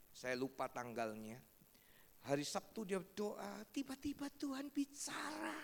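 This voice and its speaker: A man preaching a sermon as pastor, animated and storytelling, acting out family members' voices. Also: high-pitched, gravelly. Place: large church hall. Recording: long church hall reverb.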